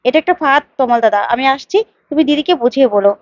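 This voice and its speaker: A woman voicing a brisk, clever young schemer. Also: high-pitched, no echo, lo-fi sound, lightly acted. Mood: scheming. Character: clever determined young woman laying a trap. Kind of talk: storytelling with voiced parts.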